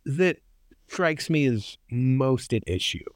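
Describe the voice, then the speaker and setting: A man's voice: animated, takes it slowly, no echo, clean studio sound. A man co-hosting a casual film podcast, chatty and full of fillers. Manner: wide-swinging pitch, chatty with fillers. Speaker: podcast co-host.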